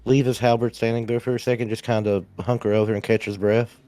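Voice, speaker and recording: Young guy at a tabletop game, chill and easygoing, mellow voice. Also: on the low side, level tone, fast, no echo. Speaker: player. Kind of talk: casual chat, playing a tabletop game.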